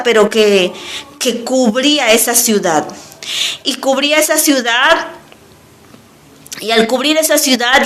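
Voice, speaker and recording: A woman gives an earnest spoken testimony, pitched somewhat high for a woman. She talks haltingly, restarting and repeating phrases as she goes. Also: fairly bright tone. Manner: repetitive, halting, many restarts.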